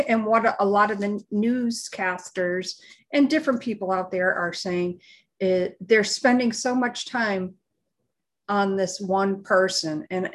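A woman co-hosting a live podcast, giving unscripted opinions in a halting, deliberate way as she searches for words. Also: medium pitch. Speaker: live show and podcast co-host.

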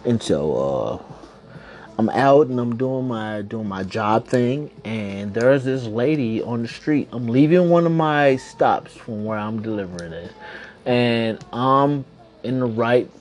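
A man's voice: medium pitch, animated, slow, darkish tone. A man hosting a casual podcast from home, rambling along in slang and swearing freely. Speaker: podcast host. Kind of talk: casual chat.

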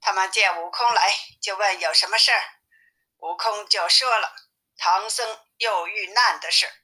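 A woman narrating a simplified classic tale for an audiobook, reading clearly and expressively. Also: mid-range voice, unhurried, pushed and bright, low-quality recording. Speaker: storyteller.

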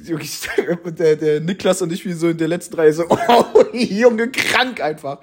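A man's voice: a little high, level tone, a little fast, a crowd in the background. Young male podcast co-host, slangy, tenor-ish voice. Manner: slangy, laughs while telling stories. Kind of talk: casual chat.

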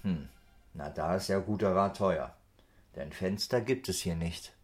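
A man's voice: low voice, measured pace, faint music behind. A man narrating a scripted children's story as an engaged storyteller who speaks to his listeners.

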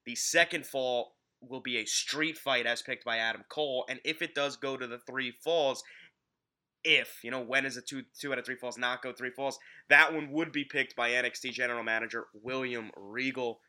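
A man with a very bright, tense-edged voice at a medium pitch. He hosts a casual sports podcast from a basement at home. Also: steady tone, normal speed. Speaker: podcast host. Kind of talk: casual sports podcast chat about wrestling.

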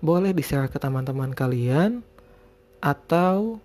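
A man's voice: mid-range voice, steady tone, unhurried, warm tone. An Indonesian man hosting a solo podcast in casual, rambling chat, often searching for words, with a lisp on his r sounds. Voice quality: lisped r sounds. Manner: informal, rambling, hesitant word-searching. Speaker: podcast host.

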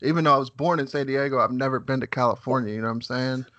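A podcast host from West Virginia, USA, in his mid-thirties, conducts a casual interview nervously and haltingly, peppering his talk with "man" and "you know what I'm saying." His ordinary-pitched voice is a bit bright, recorded dry and close with no room sound and the highs cut off.

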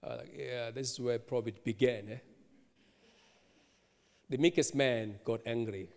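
A man preaching a sermon, telling a story with lively asides and frequent laughter. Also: medium pitch, moderate pace, vocal fry. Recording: long hall reverb.

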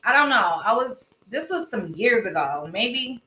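Woman guest with a bright, forceful voice, reflective and easy to laugh, echoey room. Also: on the high side, very animated, measured pace. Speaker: podcast guest. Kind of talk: casual chat. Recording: roomy echo with faint noise.

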